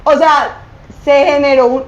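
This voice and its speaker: A woman's voice: high-pitched, steady tone, measured pace, heavy background noise. A woman co-hosting a podcast, chatting in a self-mocking way about her young-sounding voice. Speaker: podcast co-host. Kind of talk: casual chat. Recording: roomy dull podcast audio.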